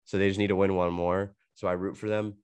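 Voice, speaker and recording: A young man with a head cold, talking loosely and laughing his way through a podcast chat. His voice sits on the low side, and the sound is dry and close with almost no room around it. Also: flat delivery, fast talker, a little mellow, smooth, no room sound. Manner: rambling, heavy filler "like", laughs a lot. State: sick with a cold, coughing. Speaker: podcast co-host. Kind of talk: casual chat.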